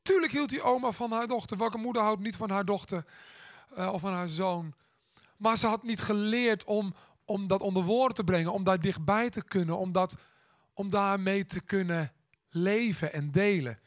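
A man giving a reflective storytelling talk, hesitant and thoughtful, with many pauses and restarts. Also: sits high, no room sound, studio quality. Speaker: speaker.

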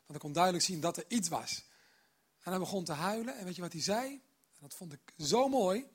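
Guy giving a sermon in a church hall, fairly high husky voice, talks straight to the crowd. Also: animated, brisk. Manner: warm direct address to the congregation, storytelling. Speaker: preacher.

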